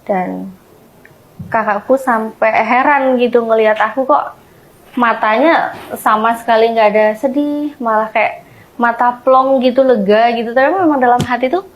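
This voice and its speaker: A woman being interviewed, earnestly retelling a personal story in casual chat, often trailing off softly at the ends of phrases. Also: a little high, moderate pace, lo-fi sound. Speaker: guest sharing her conversion story.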